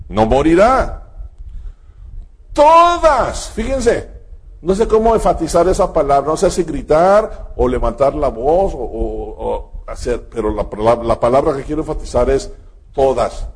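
A man preaching a sermon, emphatic and deliberate, with sudden leaps in pitch for stress. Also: a little mellow, slightly rough.

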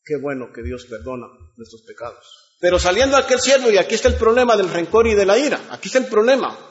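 A man's voice: high voice, very animated, fast talker, muffled recording. A man preaching a sermon, reading scripture and asking the congregation rhetorical questions.

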